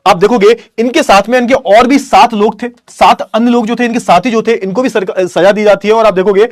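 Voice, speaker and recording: A man's voice: high-pitched, steady tone, brisk, no echo, clean studio sound. A male teacher giving an online class lecture, asking and answering his own questions and repeating key phrases. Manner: repeats key phrases, calls students beta.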